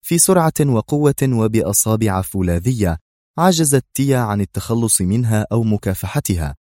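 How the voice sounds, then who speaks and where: A man narrating an action novel as a dramatic audiobook, moving his pitch a lot through the story. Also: expressive, a little fast, warm tone, no echo, clean studio sound.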